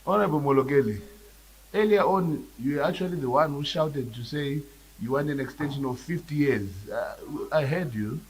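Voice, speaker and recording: A man's voice: on the high side, moderate pace, slightly rough, poor audio. A man with a Zimbabwean accent presiding over a parliamentary debate as its speaker, hesitating and repeating words.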